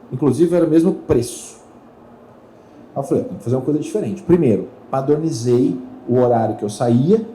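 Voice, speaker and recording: Animated man with a very dark voice. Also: on the high side, a little hiss or hum, poor audio. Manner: animated storyteller who acts out voices in dialogue. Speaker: speaker at a trade fair. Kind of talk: storytelling talk to an audience. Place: talk stage at a trade fair.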